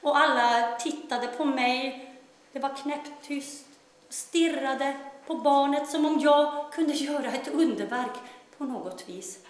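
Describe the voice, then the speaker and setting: A woman's voice: high-pitched, natural voice. A woman playing God's troubled daughter. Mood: storytelling. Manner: wry, shifting between bursts of loud speech and hushed telling. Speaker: stage actor in a monologue. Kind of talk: theatrical monologue. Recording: very echoey stage room.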